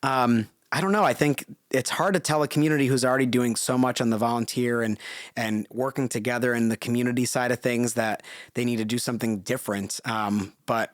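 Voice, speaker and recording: A man's voice: medium pitch, fairly even intonation, fairly quick, no echo, studio quality. A middle-aged man from Connecticut, a tourism director, talking in a chatty, joking way on a podcast interview.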